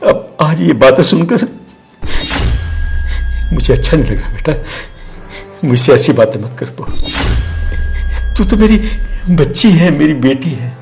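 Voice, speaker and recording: A man plays a gentle, dutiful old father-in-law in a melodramatic web drama. His voice is a touch high and swings widely up and down as he pleads in a fatherly tone, with faint music beneath. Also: animated, unhurried, creaky, long pauses. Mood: pleading.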